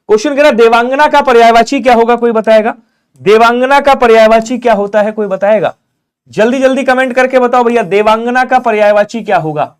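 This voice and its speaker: A man teaching a live online exam-prep class, urging viewers to comment quickly and answering in his students' voice. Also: high voice. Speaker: Hindi teacher.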